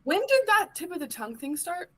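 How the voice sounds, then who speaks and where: A woman voicing an awkward, concerned male adventurer with a halting, low-key manner in a tabletop role-play. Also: big pitch swings, fairly bright tone, heavily acted. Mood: reserved, probing.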